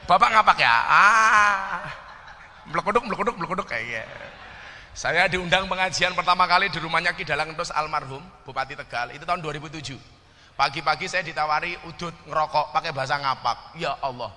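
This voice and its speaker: A man's voice: fairly high pitch, fairly quick, sharp tone. A man with a Javanese accent preaching a joking sermon to a gathered audience, teasing them about regional dialects and throwing questions at the crowd. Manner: addresses the crowd directly with questions. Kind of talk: humorous religious sermon. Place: religious gathering before an audience. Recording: long hall reverb, faint background noise.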